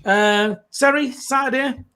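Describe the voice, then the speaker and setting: A man hosting a casual live stream, talking haltingly with many "uh" fillers. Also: very high-pitched, fairly even intonation, pushed and bright, clean tone. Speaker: host.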